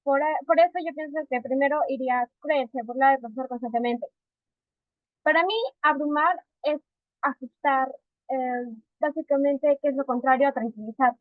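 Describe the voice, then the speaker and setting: Female student, high voice, phone-like tinny sound, dry, thinks out loud. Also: steady tone, normal speed, no room sound. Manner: reasons aloud, correcting herself. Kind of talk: answering in class.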